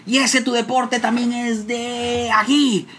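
A man with a Guatemalan accent voicing his abusive, scornful father, shouting insults. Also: very high-pitched, flat delivery, fast talker, a little hiss or hum, voice pushed up. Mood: threatening. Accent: Guatemalan Spanish. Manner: shouting, contemptuous.

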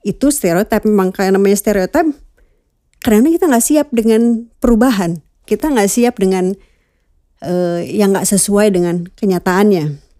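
A woman's voice: medium pitch, moderate pace, long pauses, dark tone, no echo, clean studio sound. A middle-aged woman chatting casually about the cats she keeps, musing aloud and dropping in English words. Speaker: cat owner vlogger. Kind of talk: casual chat.

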